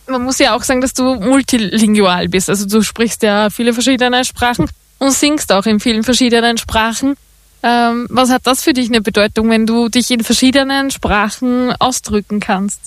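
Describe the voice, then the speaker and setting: Friendly woman radio presenter, fairly high voice. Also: steady tone, normal speed, dry recording. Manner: friendly, asks questions with fillers. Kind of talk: radio interview questions.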